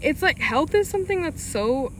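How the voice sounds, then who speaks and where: A young woman from Alaska in casual chat on a podcast, giggly and halting as she talks. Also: high-pitched, expressive, slight background noise.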